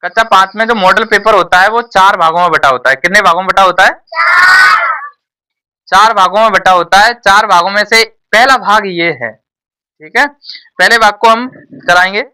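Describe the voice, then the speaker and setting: A man's voice: sits high, moderate pace, sharp tone, smooth, far from the mic. A man teaching an exam-prep lesson to a class, repeating each point and quizzing the pupils. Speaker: tuition teacher.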